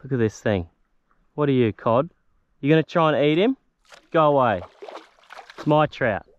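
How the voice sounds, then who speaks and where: A man, a fishing vlogger commenting excitedly from a paddle board at sea, talking to the fish. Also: mid-range voice, moderate pace, muffled recording. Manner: exclamatory, talks to the fish.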